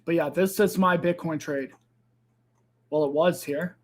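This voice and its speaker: A man's voice: fairly high pitch, fairly even intonation, unhurried. A man hosting a crypto live trading stream, talking loosely and chatting straight to his viewers. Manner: chatty, loose, addresses viewers as guys and fam. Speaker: crypto livestream host.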